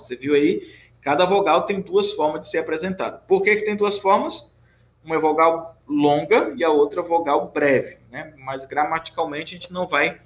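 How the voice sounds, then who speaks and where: A Brazilian man gives a recorded lesson in a warm, chatty way, with his voice sitting a little high. He keeps encouraging the listener and answers the questions he asks. The room around him has a clear echo. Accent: Brazilian Portuguese. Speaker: teacher.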